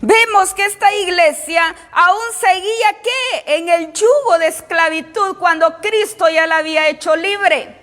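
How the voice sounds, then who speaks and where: A woman's voice: very high voice, unhurried, few pauses, a bit bright. A woman pastor preaching a sermon to her congregation, emphatic and repeating her phrases. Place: church. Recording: long hall reverb.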